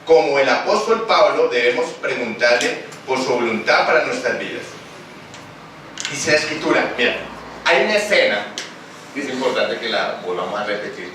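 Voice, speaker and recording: A man's voice: mid-range voice, lively intonation, moderate pace. A man preaching a sermon, questioning the congregation and acting out scenes. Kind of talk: sermon with call and response. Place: church hall. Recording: echoey church recording from far off, noisy.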